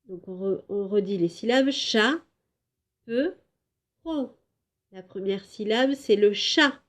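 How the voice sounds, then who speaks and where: A woman teaching a home lesson to young children, slowly clapping out syllables and drawing out words for them. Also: medium pitch. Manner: slow, clear syllable-by-syllable teaching; drawn-out, emphatic words for children. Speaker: kindergarten teacher.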